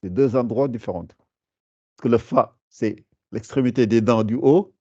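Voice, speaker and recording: A man teaching a beginner language class, patiently repeating sounds slowly to show how they are pronounced. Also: medium pitch, a little mellow, dry recording, dull audio. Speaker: Arabic teacher.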